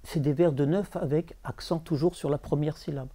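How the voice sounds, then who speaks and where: A man talking as a literary translator before an audience, halting, repeating words and chanting verse rhythms. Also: a little high, steady tone, dark tone. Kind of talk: bookshop talk with audience.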